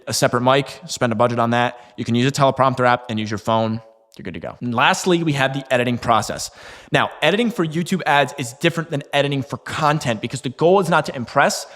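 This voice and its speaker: A man's voice: mid-range voice, fast, fairly bright tone, big-room sound. A man giving a casual instructional talk to camera as a marketing coach, conversational, with fillers and occasional restarts.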